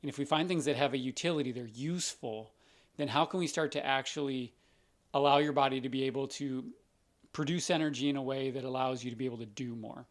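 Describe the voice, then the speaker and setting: Hosting a live question-and-answer stream, this scratchy-voiced male doctor speaks at a quick pace in a steady tone and medium pitch. He keeps his explanations loose and chatty, full of everyday examples.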